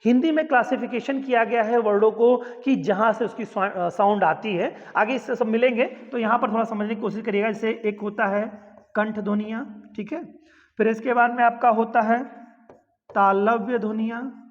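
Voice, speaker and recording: A male Hindi teacher with a fairly high voice steps through an exam-prep grammar lesson, reciting letters one at a time and checking in with "theek hai" again and again. The sound is dull and lo-fi, with a long reverb hanging on every word. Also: steady tone, moderate pace. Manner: addresses viewers as friends, repeats "ठीक है" often, recites letters one by one.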